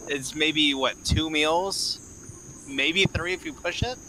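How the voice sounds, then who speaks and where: A man's voice: fairly high pitch, slow, pushed and bright, a little hiss or hum, low-quality recording. A man playing a tabletop game, talking in a wry, questioning way. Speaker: player.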